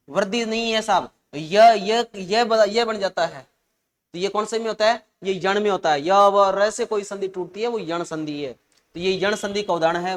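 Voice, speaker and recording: Guy teaching exam prep, high voice, chatty, keeps saying saahab. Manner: chatty, addresses listeners as saahab and bhai.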